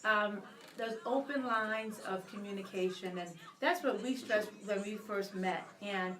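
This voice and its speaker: A woman co-hosts a live radio talk show, her mid-range, slightly bright voice moving at a measured pace. She chats, asks long, rambling questions and laughs easily, recorded roomy and distant from the mic.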